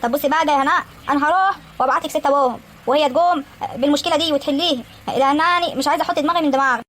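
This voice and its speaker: A woman's voice: sits high, racing, fairly bright tone, slight background noise. A woman voicing a bossy pregnant stepmother in a cartoon, nagging and ordering the girl around.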